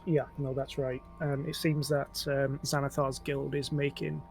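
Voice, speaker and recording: A man in a tabletop game, speaking softly and hesitantly while explaining his next move. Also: mid-range voice, level tone, unhurried, vocal fry, soft background music. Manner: soft-spoken, hesitant with fillers. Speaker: player. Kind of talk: casual tabletop game chat.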